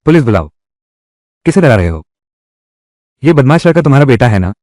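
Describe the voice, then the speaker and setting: A man's voice: mid-range voice, big pitch swings, brisk, darkish tone, no echo. Guy dubbing a whole drama alone, voice jumps around a lot, argues hard, dry sound. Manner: heated, quarrelsome dialogue delivery. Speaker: dubbing voice for all roles.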